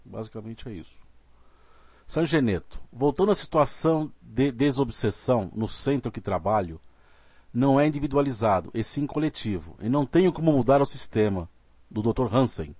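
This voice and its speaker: A man hosting a discussion, reading questions aloud in a polite, deliberate way. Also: medium pitch, lively intonation, a little mellow, husky, no room sound. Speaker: host relaying audience questions.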